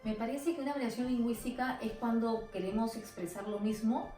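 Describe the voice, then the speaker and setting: A woman's voice: a little high, steady tone, a little fast, dark tone, echoey room, far from the mic, faint music behind, poor audio. A woman from Lima with a Peruvian accent, answering interview questions casually and animatedly, sometimes mimicking other people's speech. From Peru.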